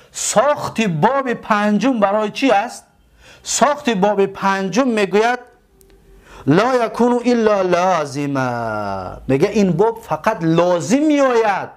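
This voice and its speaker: High-voiced man teaching grammar slowly. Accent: Tajik Persian. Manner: repeats and drawls example words slowly; asks questions and answers them himself. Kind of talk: recorded grammar lesson.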